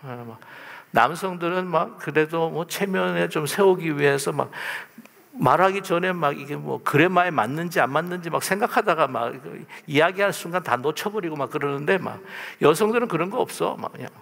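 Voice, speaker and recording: A male pastor giving a lively, conversational sermon from the pulpit, often turning to ask the congregation questions. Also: on the high side, fairly quick, creaky. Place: church sanctuary, at the pulpit. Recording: long church reverb.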